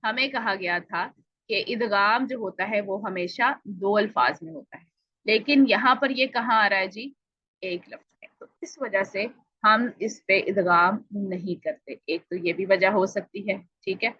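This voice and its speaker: Bright-voiced woman teaching Quran recitation. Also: medium pitch, no room sound, lo-fi sound. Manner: explanatory, asks and answers own questions, drawn-out example words. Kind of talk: online tajweed lesson.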